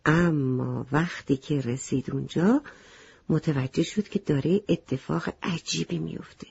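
Gentle woman telling a children's story. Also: deep voice, vocal fry, husky. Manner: gentle, addresses children directly. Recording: slightly muffled lo-fi recording.

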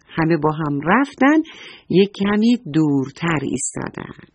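A woman with a fairly low, husky voice reads a story aloud to young children, speaking to them affectionately and asking them questions. There's no room sound on the recording.

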